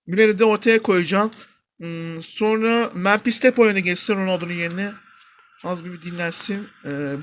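A young man commentating his own football video game match, shouting and stretching player names as attacks build, muttering low when plays go wrong. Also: a little hiss or hum. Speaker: gaming YouTuber. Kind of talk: excited mobile football gameplay commentary. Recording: faint game music behind.

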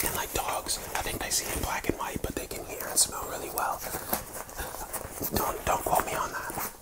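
A young man doing a fast whispering ASMR whispered role-play as a casual, encouraging friend. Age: young adult. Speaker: ASMR creator. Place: small bedroom, indoors.

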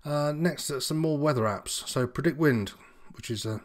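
A sailing instructor gives an unscripted, informal tutorial, his voice a little high and his pace moderate. He explains things in a slightly hesitant, wandering way.

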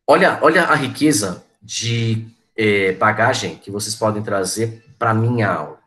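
A man in his forties talks to his online class in a loose, reminiscing way. His voice sits a little low, and he keeps turning to students by name as he goes. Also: unhurried, a bit bright. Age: 40s. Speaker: teacher.

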